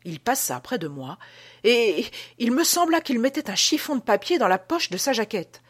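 A woman reading an audiobook as an old male prison guard telling an uncanny tale, with a dramatic, hushed delivery. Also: a little high, sing-song, moderate pace, breathy edge, voice pushed up. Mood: spooked. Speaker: audiobook reader.

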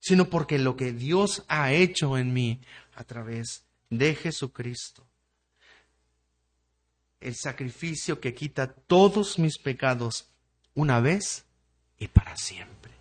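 A man's voice: medium pitch, animated, takes it slowly. A male pastor preaching a sermon in an earnest way, reading scripture aloud and addressing the congregation directly.

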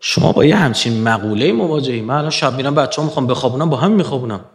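A man giving a lecture to an audience, animated, swinging from low murmurs to emphatic rising peaks.

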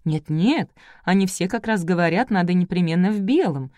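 A woman's voice: lowish voice, expressive, normal speed, a little mellow, no room sound, studio quality, lightly acted. A woman voicing a shy, giggly middle-aged bride in an audiobook, bashful in manner.

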